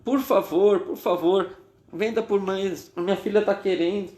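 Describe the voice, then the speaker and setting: A man's voice: sits high, fairly even intonation, measured pace, warm tone, reverberant, voice pushed up. A man voicing a poor mother who pleads with a shopkeeper, raised and urgent. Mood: pleading.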